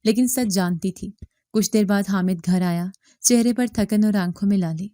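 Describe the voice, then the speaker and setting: Female storyteller, earnest first-person narration, mellow and dry. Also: mid-range voice, dry recording. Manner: earnest, anxious mother's storytelling.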